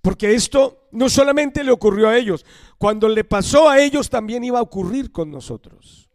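Older male missionary preacher, high-pitched, emphatic, dry close sound. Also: lively intonation, no echo. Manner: emphatic, slows and drops to a hush on key phrases. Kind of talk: sermon.

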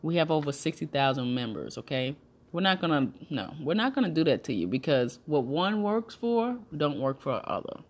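A woman's voice: low voice, very animated, normal speed. A woman hosting a breastfeeding support talk, giving new mothers emphatic, repetitive, reassuring advice in casual, colloquial speech.

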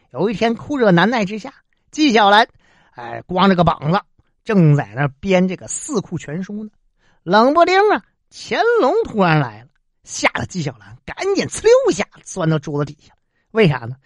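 A woman narrating a traditional story in a lively, chatty way, with asides to the listener. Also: fairly low pitch, no echo.

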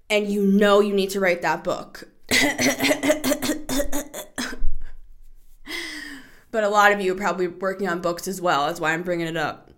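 A woman hosting a casual solo podcast, short of breath and taking deep breaths as she talks in a chatty, rambling way. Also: a bit bright. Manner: chatty and rambling, with frequent "like" fillers. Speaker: podcast host.

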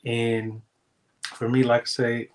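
A man's voice: medium pitch, monotone, takes it slowly. A man hosting a casual devotional talk, upbeat and encouraging in a loose conversational way. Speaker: devotional host.

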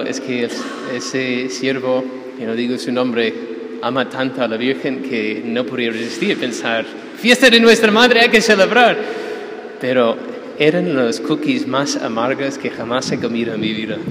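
A man's voice: medium pitch, a little hiss or hum. A priest giving a conversational, story-filled homily, often asking his listeners "¿verdad?". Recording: echoey church hall.

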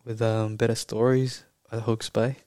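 Male guest from Japan, native Japanese speaker, low voice, dry close sound, halting casual talk peppered with Kiwi slang. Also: little pitch movement, mellow, no echo. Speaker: podcast guest, rugby player. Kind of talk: casual interview chat.

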